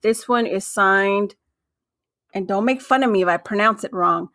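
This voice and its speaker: A woman's voice: mid-range voice, normal speed, sharp tone. A woman co-hosting a sports podcast, reading a listener email aloud with casual asides. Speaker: podcast co-host.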